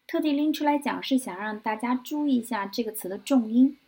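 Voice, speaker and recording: Husky woman teaching English vocabulary. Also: on the high side, mellow. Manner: spells words out letter by letter, repeats example sentences slowly. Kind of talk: vocabulary lesson.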